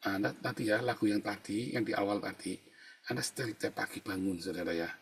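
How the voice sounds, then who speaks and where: A man pastor preaching a sermon in a chatty, storytelling way, often dropping to a low murmur and then rising into loud emphatic bursts. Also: a little fast, a little hiss or hum. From Indonesia. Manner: conversational preaching, keeps adding "saudara ya". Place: the Netherlands.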